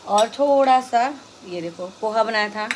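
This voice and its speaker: A woman's voice: a little high, unhurried, very noisy. A woman chatting casually to her viewers in a home vlog, walking through her day at home, now and then turning to her small child. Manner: chatty, narrates her day to viewers, switches to sing-song baby talk with her child. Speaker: home vlogger and mother. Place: home indoors.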